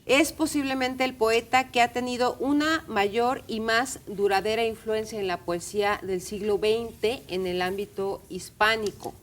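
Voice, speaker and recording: A woman hosting a casual literary discussion, brisk and steering the talk. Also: a little high, fairly even intonation. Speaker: radio show host.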